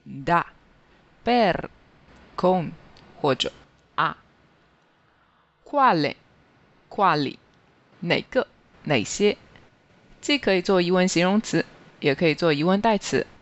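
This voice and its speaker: Teacher voice for a scripted grammar review, mid pitch, slightly muffled lo-fi sound, measured and careful. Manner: slow, even, careful reading of word lists. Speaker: language teacher. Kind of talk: scripted grammar lesson narration.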